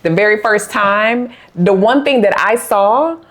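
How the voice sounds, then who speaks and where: A middle-aged woman co-hosting a podcast, excitable and quick to laugh, chatting casually while recording on location. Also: medium pitch. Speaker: podcast co-host. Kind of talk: casual chat. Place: on location, not in a studio.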